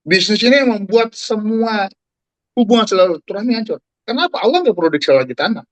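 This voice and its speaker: A man in his forties giving an animated talk on a video call, speaking straight to his listeners like a preacher. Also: high-pitched, brisk, dry recording, rough recording. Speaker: guest speaker. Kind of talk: talk to an online audience.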